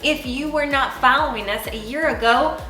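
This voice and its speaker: A woman's voice: high-pitched, normal speed. A woman hosting a cooking show, bubbly and chatty as she demonstrates a recipe. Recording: echoey room with loud music.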